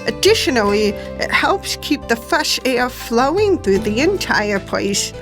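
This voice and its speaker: A woman from Taiwan presents a travel show in a high, eager voice. She keeps a lively, upbeat presenter tone. Loud music plays beneath her throughout. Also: unhurried, poor audio. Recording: loud music bed under voice.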